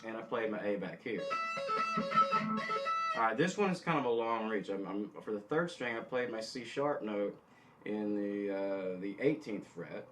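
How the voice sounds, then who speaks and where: A middle-aged man with a fairly low voice teaches guitar informally. He thinks aloud, pausing and correcting himself in an easygoing, self-deprecating way. Guitar notes sound clearly behind his speech. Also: expressive, poor audio. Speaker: guitar instructor. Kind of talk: informal instructional demonstration with music theory. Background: guitar notes being tapped.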